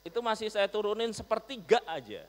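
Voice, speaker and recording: A male pastor preaching a storytelling sermon, animated, swinging from loud to soft. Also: high-pitched, brisk. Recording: long reverb, mains hum.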